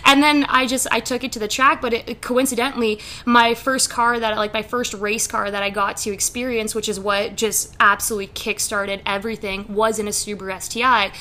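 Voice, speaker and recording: A young woman racing driver, telling stories in a casual interview, animated and laughing often, with many fillers. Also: a little high, a little fast, hardly any pauses. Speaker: race car driver guest.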